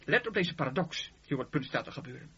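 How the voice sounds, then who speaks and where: A man preaches with a high, lively voice, swinging his pitch up and down for emphasis. His short phrases are broken by dramatic pauses. The old recording sounds dull and lo-fi. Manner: emphatic, rising and falling delivery with dramatic pauses. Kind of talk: sermon.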